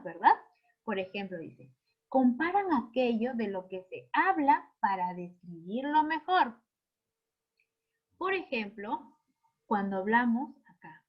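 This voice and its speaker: A woman's voice: fairly high pitch, slightly rough. Patient woman teacher for an online lesson, checks in with students often, slightly muffled audio. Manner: patient, keeps asking "¿no?" and "¿verdad?"; reads verses aloud with extra intonation.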